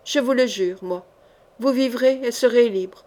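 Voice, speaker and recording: A woman's voice: on the high side, unhurried, a little mellow, natural voice. A woman reader voicing a young woman who pleads fervently with a king. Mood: pleading.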